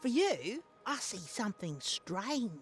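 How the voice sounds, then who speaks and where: An actress playing a dramatic, portentous fortune teller in a video game. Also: female voice, mid-range voice, sing-song, slow pace, faint music behind. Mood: mysterious, portentous. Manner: theatrical, portentous. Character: mystical, dramatic female fortune teller, growing fearful. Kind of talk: video game character acting.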